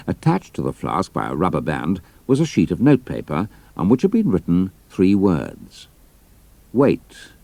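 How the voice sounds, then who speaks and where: Very deep gravelly male narrator. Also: dark tone, no room sound. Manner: measured, dramatic storytelling. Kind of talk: scripted audiobook narration.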